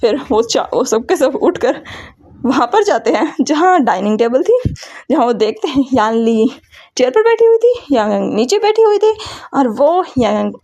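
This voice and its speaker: A woman's voice: sits high, big pitch swings, moderate pace, a little mellow, highs cut off. A woman retelling a fan fiction story, often correcting herself mid-sentence. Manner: narrating with frequent self-corrections.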